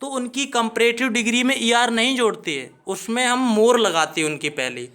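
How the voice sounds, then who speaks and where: A man's voice: extremely high pitch, normal speed, bright, forceful tone. A man gives an English grammar lesson. He talks in a methodical teacher's way, spelling words out letter by letter and repeating each key term.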